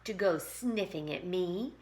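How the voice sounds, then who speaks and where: A woman's voice: lowish voice, a little slow, lightly acted. A woman voicing a grumpy, greedy old male hermit crab in a storybook read-aloud, snapping and crying out in a raised voice. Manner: snappish, shouting when scared.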